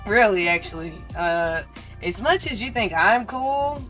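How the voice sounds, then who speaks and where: A woman's voice: medium pitch, animated, a little slow, a bit bright, faint music behind. A woman hosting a casual interview show, playful and teasing, using slang like "y'all" and "bruv.". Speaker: podcast host.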